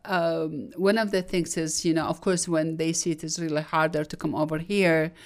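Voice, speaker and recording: Lady with a really low voice, lots of uh's and restarts, interview answer. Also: darkish tone. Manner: halting, many fillers and restarts.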